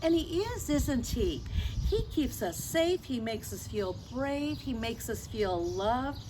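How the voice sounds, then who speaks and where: At a slow pace, an older woman of 60 or more reads a picture book to young children, lingering over every phrase. Her voice rises and falls with lively expression as she pauses for gentle asides and questions to her listeners, with noticeable background noise audible.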